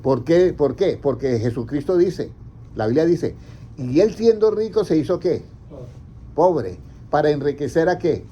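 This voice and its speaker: Here a male pastor speaks in a fairly high, warm, expressive voice at a somewhat slow pace. In this interactive sermon he poses questions to the congregation and supplies the answers himself, captured on slightly dull audio with faint noise behind it.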